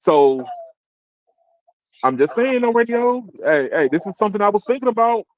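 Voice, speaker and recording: A man hosting a casual tech podcast, rambling with restarts and quick laughs. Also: sits high, very animated, no room sound. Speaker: podcast host.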